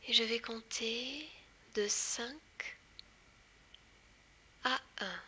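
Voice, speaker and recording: A woman guiding a hypnosis session in a hushed, breathy whisper right in the listener's ear, soothing and deliberate with long pauses. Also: on the high side, slight background noise. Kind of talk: guided hypnosis, soft ASMR delivery.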